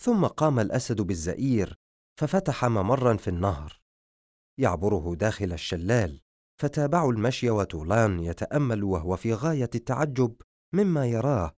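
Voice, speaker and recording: A man's voice: lowish voice, very animated, fairly quick, darkish tone, no echo. A man narrating a fantasy novel as an audiobook, telling the story expressively.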